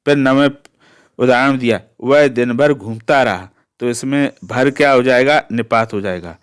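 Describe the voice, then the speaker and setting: A male teacher works through a grammar lesson at a deliberately slow pace. He asks rhetorical questions and answers them himself, repeating each point so it sticks. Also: medium pitch, clean tone.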